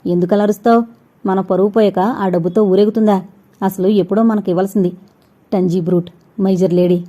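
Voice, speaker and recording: A woman voices a spoiled young wife in a storybook reading. She is sharp, demanding and insulting. The voice has a dark, mellow tone. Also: medium pitch, fairly even intonation, brisk, close to an everyday voice.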